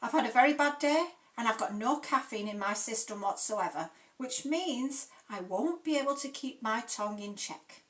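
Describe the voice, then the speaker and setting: A woman's voice: on the high side, expressive, moderate pace, hardly any pauses, echoey room, far from the mic, natural voice. A woman reading aloud and voicing a blunt, exasperated woman sleuth.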